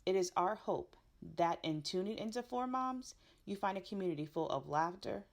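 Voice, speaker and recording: A woman reading a scripted podcast introduction in a measured way. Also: medium pitch, animated. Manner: measured, read-out. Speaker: podcast co-host.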